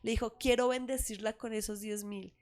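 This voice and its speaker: A woman's voice: a little high, fairly even intonation, brisk, a little mellow. A woman retelling her mother's story as a testimony in a live church conversation, acting out the people she quotes. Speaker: church member giving testimony. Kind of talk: storytelling testimony in casual chat.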